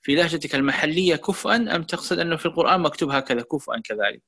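Fast-talking male religious teacher. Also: a little high, sharp tone. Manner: measured, explanatory, repeats words for emphasis. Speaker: Quran teacher. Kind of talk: religious lecture and Q&A.

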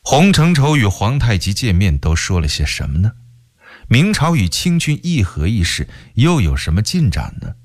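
A man reading a historical novel aloud for radio in a slow, measured storytelling voice. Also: on the low side, very animated, a little mellow, no echo, studio quality. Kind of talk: scripted narration of a historical novel. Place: radio studio.

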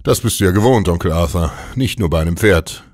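A man's voice: low-pitched, brisk, a little mellow, dry recording, studio quality. A man voicing a young nephew who speaks in a cold, sarcastic, cutting way. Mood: scornful.

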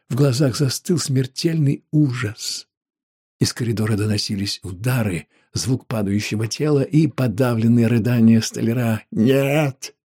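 A man narrating an audiobook in a measured, grave way. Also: medium pitch, darkish tone, breathy edge.

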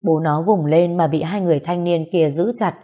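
A woman's voice: lowish voice, normal speed, dark tone. A woman reading a family drama aloud as a storyteller, giving the arguing characters raised, heated voices. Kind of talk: scripted story narration.

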